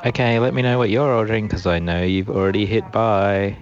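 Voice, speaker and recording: A man's voice: on the low side, fairly even intonation, brisk. A man leaving a casual, rambling voicemail that is played back, wry and offhand in tone. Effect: played-back voicemail message. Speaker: voicemail caller. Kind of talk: casual rambling phone message. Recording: dull lo-fi voicemail playback.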